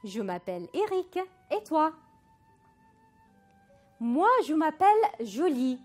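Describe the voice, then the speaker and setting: Casting: woman French teacher, slow and very deliberate, lively pitch, faint music behind. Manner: slow, deliberate model phrases for repetition, mixing in Arabic. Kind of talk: recorded language lesson.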